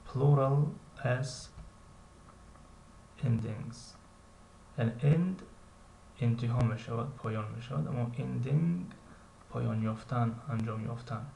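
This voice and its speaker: A man with a Tajik accent teaching English, reading English lines slowly and explaining them with frequent hesitations. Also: mid-range voice, vocal fry, warm tone. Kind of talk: recorded language lesson. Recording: echoey room with faint ambient noise.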